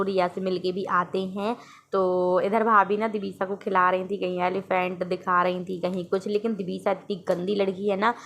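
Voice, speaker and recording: A woman's voice: mid-range voice, fairly bright tone, slight background noise. A woman and mother narrating her family's day in a casual, chatty vlog voice-over. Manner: chatty, storytelling about family life.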